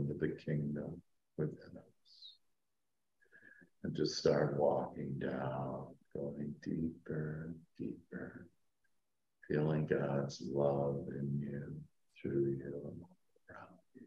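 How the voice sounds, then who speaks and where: Very deep, slow male sleep-story style meditation guide. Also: vocal fry. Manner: soft, hushed, calming delivery with long pauses. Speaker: spiritual teacher and meditation guide. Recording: dull, roomy echoing sound.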